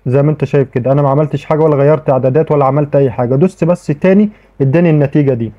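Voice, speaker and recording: Egyptian guy walking thru a tutorial, kinda high voice, talks quick, phone-like sound. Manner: chatty, repeats "okay" often, frequent restarts. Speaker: tech tutorial host. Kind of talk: casual screen-recorded tutorial. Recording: tinny phone-like audio.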